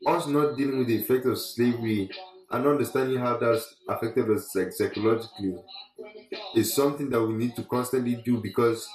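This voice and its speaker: A man's voice: mid-range voice, fairly even intonation, a little fast, a little mellow. Earnest man in echoey discussion. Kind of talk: casual reflective discussion. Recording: roomy, echoey sound.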